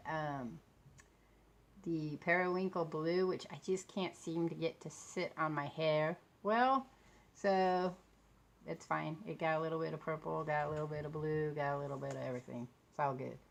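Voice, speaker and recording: Tired woman, low voice, swollen lip. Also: vocal fry. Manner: talking a bit funny from a swollen mouth. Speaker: vlogger talking about books and authors. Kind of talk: casual rambling chat.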